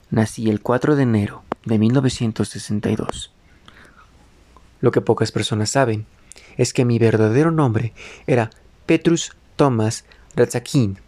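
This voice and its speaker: Speaking at medium pitch with a dark tone and no room sound, a man narrates his life story in the first person. He reads phrase by phrase, halting to correct himself, and some words drop to a whisper.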